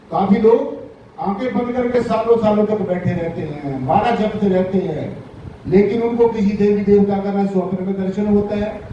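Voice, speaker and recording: A man's voice: high voice, warm tone, a little hiss or hum. A man who is a spiritual teacher, giving a devotional sermon with emphatic repetition of key phrases and rhetorical questions. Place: ashram hall. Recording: echoey hall, distant mic, dull lo-fi sound.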